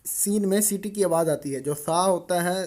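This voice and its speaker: A man with a Pakistani Urdu accent teaching Quran reading, chanting syllables slowly and explaining in quick asides. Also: high-pitched, darkish tone. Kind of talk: slow recited lesson drills.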